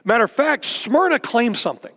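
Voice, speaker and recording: A man's voice: very high-pitched, lively intonation, fairly quick, pushed and bright. A middle-aged man preaching a sermon as a pastor, earnest and emphatic, repeating key points. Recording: long hall reverb.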